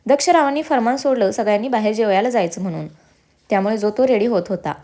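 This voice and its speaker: A woman narrating a serialized family drama story with expressive storytelling. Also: a little high, quick pace.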